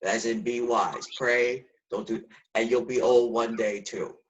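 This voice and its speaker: A woman's voice: rumbling low, steady tone, unhurried, muffled recording. Earnest woman in her sixties on a call. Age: 60s. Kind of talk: casual video call discussion.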